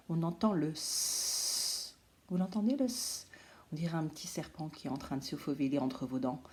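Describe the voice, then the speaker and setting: A woman teacher giving a lesson to young children, slowly drawing out and exaggerating each letter sound. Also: mid-range voice, mellow.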